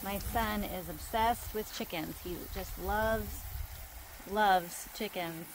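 On a rough recording with a little hiss or hum, a woman in her thirties from Idaho, USA, tours her fenced garden on foot and talks into a handheld camera. This homesteader takes it slowly at medium pitch, easygoing and chatty, trailing off between topics.

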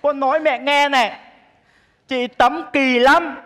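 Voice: high-pitched, fairly even intonation, slow, long reverb tail, noisy background. A comic actor playing a spoiled, whiny younger daughter in a stage comedy sketch, needling and pleading with her mother.

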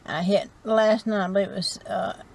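A middle-aged South Carolina woman with a Southern US accent and a gravelly, darkish, medium-pitched voice chats at a moderate pace. This vlogger rambles in a folksy, casual way while eating in her parked car at night, captured on a dashboard camera.

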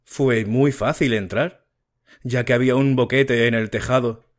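Slow, measured male storyteller. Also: medium pitch, fairly even intonation. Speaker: audiobook narrator. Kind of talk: scripted fairy tale narration.

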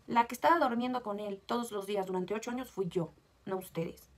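A woman's voice: mid-range voice, fairly quick. A Mexican woman vlogger, upset and agitated, talking bluntly and swearing while reacting to a song. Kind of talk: emotional video confession.

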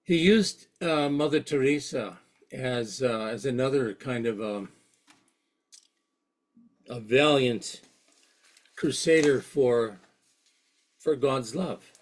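Man presenter, reflective church talk, slow and earnest, mid pitch. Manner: earnest, reads quotations aloud, with halting restarts. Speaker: speaker at a parish session.

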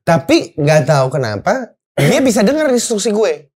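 Speaking with a husky, medium-pitched voice at normal speed, a woman guest recounts a story in a laid-back interview. She's animated, leans on slang, repeats words to stress them, and performs her own thoughts as quotes.

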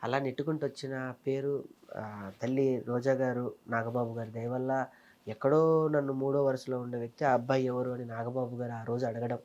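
A man in his thirties from Telangana, a comedian and mimicry artist, telling his career story in a casual interview with fast, animated delivery. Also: medium pitch, highs cut off. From Telangana, India.

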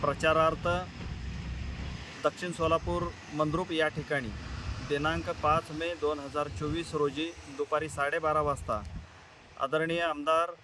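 A man's voice: fairly high pitch, level tone, unhurried. A man speaking as a local party leader, making a formal, deferential public appeal. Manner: deferential, formal, honorific-laden. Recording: noisy outdoors with traffic ambience.

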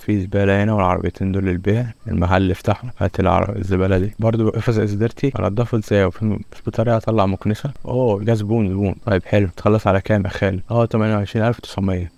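A man's voice: fairly low pitch, level tone, racing, gravelly, few pauses, darkish tone, no room sound. A young man with an Egyptian Arabic accent commenting on a car dealer game as he plays, joking and haggling with its customers. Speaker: gaming YouTuber. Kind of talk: let's-play commentary.

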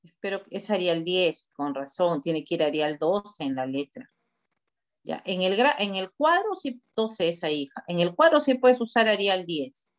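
Strict teacher on a call. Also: female voice, on the low side, very animated, moderate pace. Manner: direct, corrective, gives step-by-step instructions. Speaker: teacher reviewing student work. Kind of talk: online class feedback. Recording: dull lo-fi video call audio.

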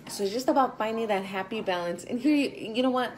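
A woman in her twenties, a fitness instructor, talking in a chatty, loud, slangy way in a casual vlog. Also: fairly high pitch, quick pace, low-quality recording.

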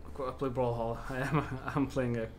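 A man's voice: medium pitch, little pitch movement, fairly quick, slight background noise. A man casually chatting and joking in a rambling way while livestreaming a video game. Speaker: game streamer. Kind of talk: casual livestream chat over gameplay. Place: indoor room at home. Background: game music.

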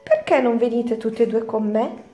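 A boisterous male tiger who cannot stop leaping, played by a woman reading aloud. He is sing-song and exuberant, a touch higher than her usual voice. Faint music sits behind the voice in a roomy space. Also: moderate pace, warm tone, natural voice. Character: bouncy cheerful male tiger, always leaping.

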